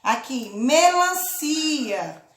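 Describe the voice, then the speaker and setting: A woman teaching a children's lesson, speaking slowly and patiently, drawing out words and often checking in with her listeners. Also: high-pitched, big pitch swings, roomy sound, background noise. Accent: Brazilian Portuguese. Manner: slow, patient, drawn-out syllables with check-in questions. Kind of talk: children's lesson, clapping out syllables.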